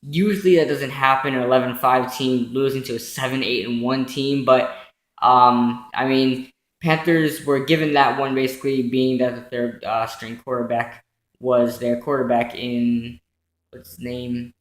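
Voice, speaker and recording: Young male home vlogger, halting and filler-heavy, mid-pitched, echoey room sound. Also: fairly even intonation. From New York, raised in Pennsylvania. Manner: halting, many ums and self-corrections. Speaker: football vlogger recapping playoffs. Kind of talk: casual solo commentary from notes.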